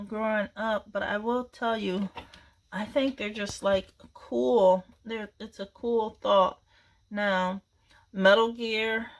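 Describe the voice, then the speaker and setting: Middle-aged woman going through her game shelf, unhurried, lots of ums, nostalgic rambling. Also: mid-range voice. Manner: rambling, nostalgic, many fillers. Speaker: retro game collector. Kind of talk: casual chat.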